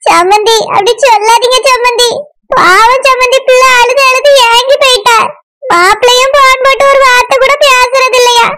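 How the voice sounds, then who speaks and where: A woman's voice: extremely high pitch, fairly even intonation, normal speed, bright, forceful tone. A woman voicing a desperate older mother who begs her daughter's in-laws for forgiveness in a Tamil cartoon. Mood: pleading. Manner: begs and repeats terms of respect.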